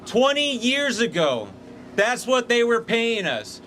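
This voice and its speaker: Union leader rallying workers outdoors; higher-pitched man, fired up. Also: very animated, takes it slowly, sharp tone, slight background noise. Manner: rousing, call-and-response chanting. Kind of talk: rally speech. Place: outdoors by hotels.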